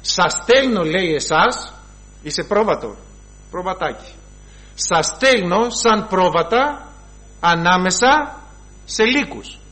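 Male priest, deep voice, slow emphatic sermon delivery full of rhetorical questions. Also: animated, pushed and bright, low-quality recording.

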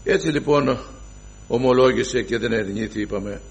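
A man preaching a sermon to his brothers, emphatic, swinging from loud exclamations to hushed asides and reciting scripture in formal archaic wording. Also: medium pitch, creaky. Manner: addresses the listeners as brothers.

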